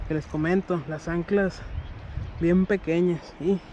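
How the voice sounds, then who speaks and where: A young man with a Mexican Spanish accent giving casual fishing vlog commentary from a kayak on a river, recorded on a head-mounted camera and getting excited at each catch. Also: high-pitched, unhurried, highs cut off. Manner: excited, laughing and shouting at catches. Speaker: fishing vlogger. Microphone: head-mounted action camera. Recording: outdoor recording with clear background noise.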